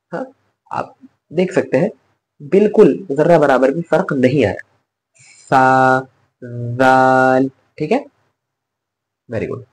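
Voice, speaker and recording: On a low-quality recording, a man with a medium-pitched, slightly mellow, husky voice teaches Quran recitation. He goes letter by letter, repeating each sound patiently and having the learner echo it.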